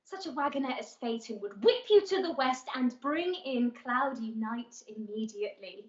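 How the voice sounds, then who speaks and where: A woman's voice: a little high, animated, normal speed, natural voice. A woman playing Juliet, an impatient, lovestruck young woman, in a yearning, poetic Shakespearean stage monologue. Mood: eager yearning. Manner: poetic, yearning, declamatory delivery. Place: indoor room on a live stream. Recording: roomy, dull livestream audio.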